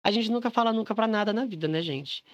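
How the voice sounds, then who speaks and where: A man guesting on a podcast as a drag singer, telling stories in an animated, gossipy way and laughing often. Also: high voice, fast talker, no echo. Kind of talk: casual chat.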